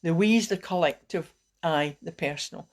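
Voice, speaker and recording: A woman wellbeing coach teaching calming techniques on a live video, talking in a gentle, encouraging way and often restarting her sentences. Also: low-pitched, normal speed.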